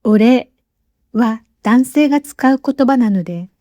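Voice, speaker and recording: Slow, careful woman teaching Japanese. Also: a little high, animated, mellow, no room sound, muffled recording. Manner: slow, careful, clearly spaced delivery. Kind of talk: scripted lesson narration.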